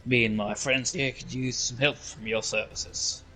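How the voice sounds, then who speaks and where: A man's voice: mid-range voice, fairly even intonation, unhurried, pushed and bright, soft background music, poor audio. A man voicing a charming, courtly adventurer introducing himself in a tabletop game. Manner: smooth, courtly. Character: suave charming male adventurer.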